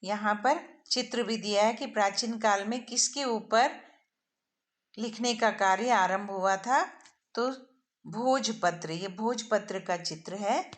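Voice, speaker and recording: A woman's voice: mid-range voice, slow. A woman teacher, explaining a school worksheet to children and stretching out each word as she spells it.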